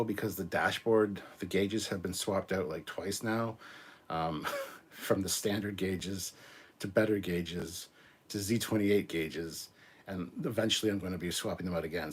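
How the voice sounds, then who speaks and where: A man in his forties with a very low, husky voice hosts a live stream. He rambles along in a relaxed way, answering viewer comments with plenty of ums and half-finished restarts. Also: measured pace. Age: 40s.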